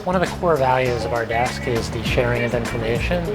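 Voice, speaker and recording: A man's voice: medium pitch, brisk. A man, a stock trader, explaining his work in plain documentary interview style. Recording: music playing clearly behind.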